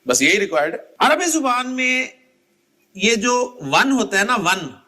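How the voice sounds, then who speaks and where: A man's voice: high voice, big pitch swings, unhurried, pushed and bright. A man teaching an Arabic grammar class, explaining patiently and calling on students by name to recite word endings. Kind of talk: classroom lecture.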